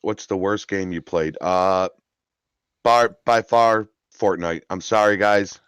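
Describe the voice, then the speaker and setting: A man's voice: deep voice, slow, smooth, dry recording, clean studio sound. A man in his thirties hosting a live stream, chatting casually and eagerly about old games and reading out chat comments. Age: 30s. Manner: excited reminiscing, reads chat aloud. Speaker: stream host.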